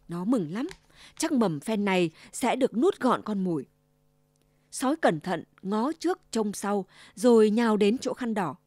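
A woman reads a fairy tale aloud in scripted storybook narration, expressive and ready to act out each character. Her voice sits at a middle pitch, close and dry with no room sound. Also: no room sound. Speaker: storyteller for a provincial broadcaster.

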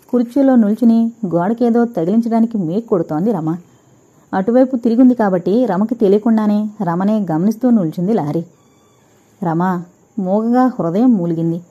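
Female narrator for a dramatic audio novel, warm low-key tone, slightly dull lo-fi recording; she voices all the dialogue herself. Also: husky. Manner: reads all characters' dialogue herself with gentle shifts.

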